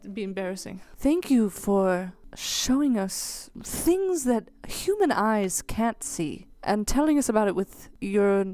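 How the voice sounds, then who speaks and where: A woman hosts a comic interview in a mellow, warm-toned voice. She teases her guest and reacts with big gasps and jokes. Faint music sits beneath her. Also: mid-range voice, sing-song, measured pace, few pauses. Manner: playful, teasing, over-the-top reactions. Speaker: comedy show host.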